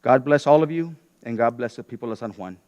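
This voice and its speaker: A man's voice: medium pitch, brisk, dull audio, very noisy. A man giving a prepared farewell speech as a city commissioner, formally and with personal asides. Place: city council meeting.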